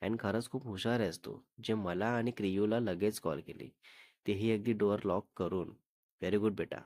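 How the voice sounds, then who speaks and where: Stern protective young husband, read by a man, firm and lecturing, low and dry. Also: fairly even intonation, normal speed, darkish tone, no echo, lightly acted. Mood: coaxing.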